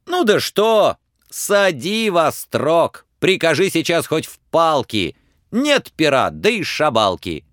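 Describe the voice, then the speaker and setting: A man's voice: fairly high pitch, big pitch swings, slow, a bit bright, no echo, clean studio sound, pitched above the performer's own voice, exaggerated voice. A man voicing a frightened, pleading young peasant lad in a storybook reading. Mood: defiant. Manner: pleading, wailing.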